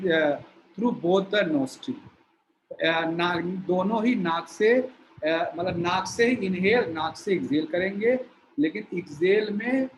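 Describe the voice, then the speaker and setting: A man teaching a yoga breathing exercise, explaining slowly while he shows each step. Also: high voice, a bit bright, a little hiss or hum, rough recording. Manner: slow, explanatory, shows movements while talking.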